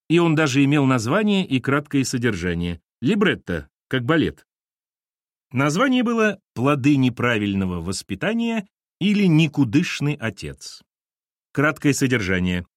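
An audiobook narrator reads a novel aloud, telling the story expressively in a mid-range voice at normal speed. The scripted narration is clean studio sound with no room sound.

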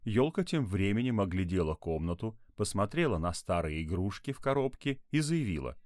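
A man narrating a playful children's tale in an expressive way. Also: on the low side, normal speed, dry recording, clean studio sound. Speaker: storyteller.

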